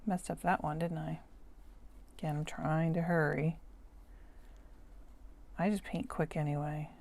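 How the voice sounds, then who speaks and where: A middle-aged woman, hoarse and losing her voice, chatting casually as she narrates each step of a watercolor painting tutorial in real time. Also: deep voice, flat delivery, a little slow, darkish tone. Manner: chatty, self-narrating while painting, drops to near whisper at times. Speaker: watercolor art instructor.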